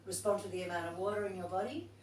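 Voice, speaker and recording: Racing along in a somewhat mellow, medium-pitched voice, a woman reads to her yoga teacher training group and thinks out loud informally. It's casual, chatty class talk captured far from the mic in an echoey room, carrying a little hiss or hum.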